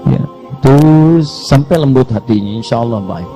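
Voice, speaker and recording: A male preacher delivering a fervent sermon with a gravelly, dark voice. His delivery rises into impassioned pleading in prayer. Faint music sits underneath. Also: mid-range voice, expressive, normal speed. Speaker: Islamic preacher.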